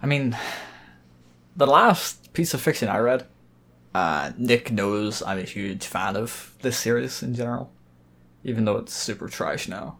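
A man co-hosts a casual podcast in a mid-pitched voice. His replies are short and dry. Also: animated, unhurried, a bit bright. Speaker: podcast co-host. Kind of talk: casual chat.

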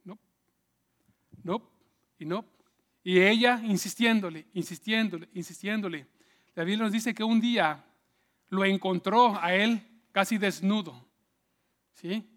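A man's voice: high-pitched, measured pace, a bit bright. A man preaching a sermon conversationally, checking in with "¿sí?" and acting out the people he quotes. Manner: conversational, asks "¿sí?" often, acts out quotes. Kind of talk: sermon storytelling.

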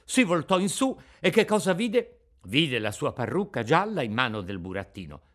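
A man reading a children's tale aloud as narrator, with expressive, rising and falling storytelling. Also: fairly high pitch, moderate pace. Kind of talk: scripted narration. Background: faint music.

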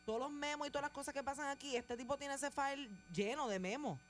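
A woman's voice: high-pitched, quick pace, faint music behind. A woman on a morning radio show, indignant and complaining to her boss. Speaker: radio co-host.

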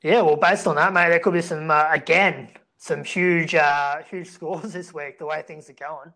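A man's voice: a little high, fairly even intonation, normal speed, bright, forceful tone. An Australian man co-hosting a sports podcast in casual chat, laid-back and full of blokey slang. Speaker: fantasy rugby league podcast host.

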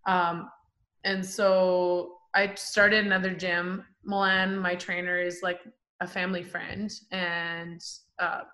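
A woman in her forties, a professional boxer from Canada, telling her story in a casual interview, animated and full of fillers. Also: lowish voice, slow pace. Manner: animated, chatty, many fillers like "like" and "um". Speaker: professional boxer, podcast guest.

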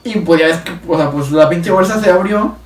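A young man from Mexico with a Mexican Spanish accent tells stories in casual, slangy chat, laughing often. His voice is high and a little fast, recorded in an echoey room with the mic at a distance.

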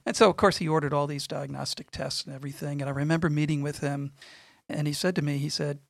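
Earnest gravelly middle-aged man. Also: on the high side, fairly even intonation, no room sound, studio quality. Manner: earnest, measured, repeats phrases for emphasis. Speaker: guest speaking on faith and suffering. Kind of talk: conversational testimony.

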